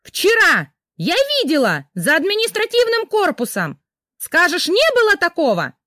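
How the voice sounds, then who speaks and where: A woman's voice: very high voice, huge pitch swings, measured pace, bright, forceful tone, no room sound, studio quality, voice pushed up, exaggerated voice. A woman voicing a jealous young wife who screams accusations at her husband, in an audiobook reading. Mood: furious shrieking. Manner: shrieking accusations. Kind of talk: audiobook character voice.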